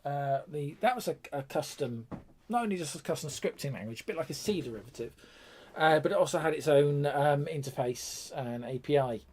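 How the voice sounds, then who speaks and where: A man's voice: a little high, lively intonation, brisk, a little mellow, slight background noise. A man with a British accent hosting a casual tech live stream, chatty and rambling, often breaking off with fillers and restarts.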